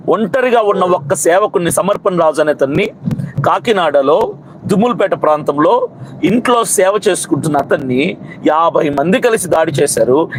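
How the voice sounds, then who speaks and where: Fiery high-voiced man over traffic noise. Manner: fiery, scolding, piles up repeated rhetorical questions. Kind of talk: impassioned protest speech to camera.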